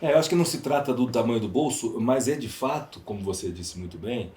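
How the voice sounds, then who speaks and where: The speaker is a man with a Brazilian accent, talking fast in a dark-toned, medium-pitched voice. Appearing as a podcast guest, he gives emphatic conversational answers, repeating phrases for stress, recorded with roomy echo and clear background noise.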